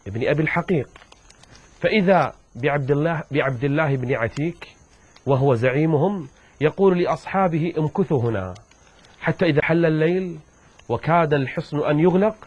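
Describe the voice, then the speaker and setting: A man with a somewhat high voice tells a story from the pulpit, throwing himself into each scene and rising in pitch as the tension builds. The recording is dull and lo-fi. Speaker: preacher. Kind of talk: dramatic religious storytelling.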